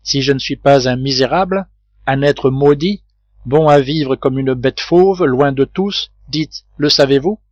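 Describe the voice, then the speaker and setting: A wild, guilt-haunted castaway man, as a male narrator puts him on, flinging out agitated, broken questions in a rush. His voice rises higher and louder than the narration. The recording is dry and a little dull. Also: a little slow, dry recording, lightly acted. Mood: anguished. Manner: agitated, incoherent outbursts, questions flung in a rush. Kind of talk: audiobook reading.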